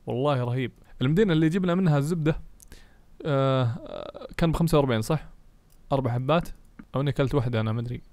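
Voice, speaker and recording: A man giving excitable let's-play commentary, cursing enemies and cheering allies. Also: mid-range voice, racing, no room sound. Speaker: gaming YouTuber. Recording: music playing behind.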